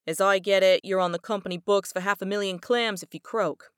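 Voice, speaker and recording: A woman's voice: mid-range voice, steady tone, a little fast, smooth, dry recording, clean studio sound, close to an everyday voice. Johnny Ray, a woman reading a tough detective man. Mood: blunt. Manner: slangy, blunt tough-guy talk. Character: hard-boiled male detective, tough and callous.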